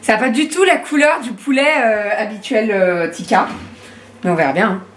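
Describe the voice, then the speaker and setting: She speaks in an animated, mid-range voice at a moderate pace, with a little hiss or hum in the audio. The clip is a casual vlog from her home kitchen where she rambles about her family, full of hesitations and self-corrections.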